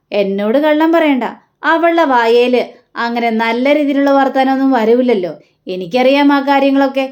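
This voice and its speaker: A woman's voice: sits high, darkish tone, lo-fi sound. A woman recapping a TV serial episode, retelling the characters' dialogue in her own voice. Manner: retells dialogue in quotes without changing voice much. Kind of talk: storytelling recap of a TV serial, voicing the lines.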